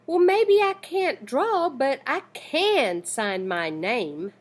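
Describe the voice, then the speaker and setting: A woman's voice: high voice, big pitch swings, takes it slowly, full character voice. A woman voicing a stubborn young schoolgirl with an emphatic, childlike manner in a storybook. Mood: determined.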